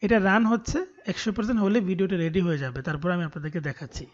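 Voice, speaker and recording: An online course tutor with a Bangladeshi accent explains things in a screen-recorded tutorial, often checking in with listeners. His high voice moves with lively intonation at a rapid-fire pace. The voice recording is dull, muffled and lo-fi.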